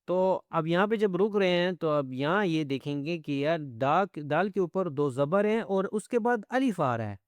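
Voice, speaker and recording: Man, high voice, Quran tajweed teacher, smooth clear tone, dry close sound. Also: lively intonation, no room sound. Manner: explains each letter, then recites verses slowly in a drawn-out chant. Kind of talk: step-by-step recitation lesson.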